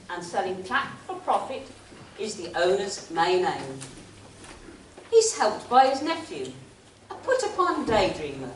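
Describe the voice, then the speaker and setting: A woman playing a wry, grand pantomime storyteller, narrating in theatrical rhyming verse in an echoing hall. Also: mid-range voice. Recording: echoey hall, distant mic, faint noise.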